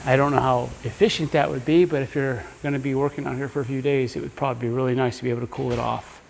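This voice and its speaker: Man, casual walk-through home tour, easygoing, mid-pitched voice, faint background ambience. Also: fairly even intonation, quick pace, vocal fry, a little hiss or hum, poor audio. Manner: easygoing, thinking aloud while walking. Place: walking through a house, garage and yard.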